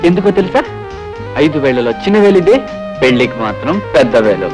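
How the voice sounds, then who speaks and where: A man playing a playful young lover who teases in a rising, falling voice. Film music plays clearly behind him in the soundtrack. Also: mid-range voice, big pitch swings, fast, lightly acted. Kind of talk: film dialogue.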